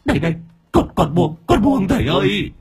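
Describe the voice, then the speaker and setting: A cringing clown demon, squealing high and swooping wildly in a rough, gravelly rasp. Its words stumble out as a stammering, whimpering plea, sly and cowardly all at once, like a storybook spook. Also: male voice, big pitch swings, brisk, soft background music, full character voice. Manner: stammering, pleading whine.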